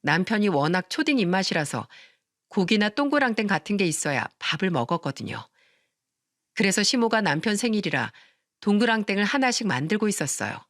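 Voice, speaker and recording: A woman narrating a story in expressive radio-story style. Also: medium pitch, a little fast, no room sound, clean studio sound.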